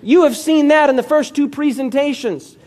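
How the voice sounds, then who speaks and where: A man's voice: extremely high pitch, normal speed, darkish tone. A male pastor preaching a sermon with emphatic storytelling and calls for amen.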